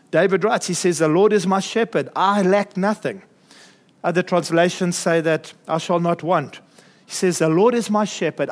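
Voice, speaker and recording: A man delivers a sermon in a high voice. He preaches earnestly and turns to his congregation with chuckling asides. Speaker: pastor.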